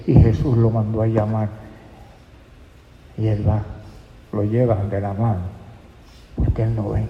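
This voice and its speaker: A man preaching a sermon in a church, calling his listeners "brother" and swinging from soft, slow lines to loud, emphatic ones. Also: medium pitch, a little hiss or hum. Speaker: pastor. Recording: echoey church hall, dull lo-fi sound.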